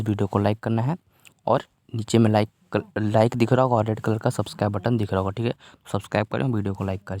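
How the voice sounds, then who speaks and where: Guy teaching little kids a worksheet, kinda low flat voice, patient, keeps asking if they got it, dry sound. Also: no echo. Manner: patient, repeats phrases and keeps asking "theek hai?". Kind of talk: casual online lesson for children.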